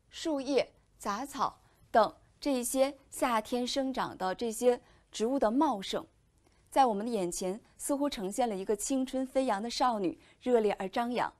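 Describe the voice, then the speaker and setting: A woman teacher giving a recorded lesson, explaining in a clear, measured way. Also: a little high, darkish tone. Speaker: Chinese language teacher.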